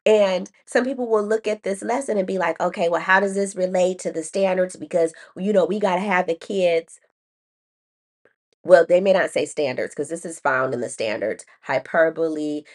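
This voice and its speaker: A woman educator hosting a podcast, explaining a writing lesson in a chatty way, laughing at herself, with many ums and restarts. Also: on the low side. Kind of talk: casual teaching talk.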